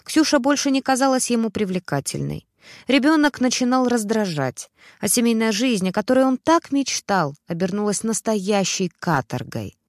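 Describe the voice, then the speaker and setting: A woman narrating a dramatic family story in a steady, expressive storytelling voice. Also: a little high, moderate pace, no room sound, studio quality.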